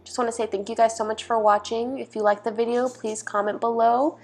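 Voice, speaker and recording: Her voice sits on the high side, level in tone and fairly quick, as the young vlogger chattily describes how she does her makeup. There's music under the recording.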